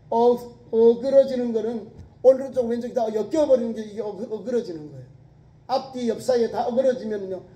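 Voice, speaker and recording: 울림 큰 교회에서 설교하는 높은 음성의 남자 목사. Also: male voice, high voice, dark tone. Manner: emphatic preaching, rhetorical questions, acts out prayers and voices. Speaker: pastor. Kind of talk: sermon. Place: church sanctuary. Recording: echoey church hall, voice from a distance.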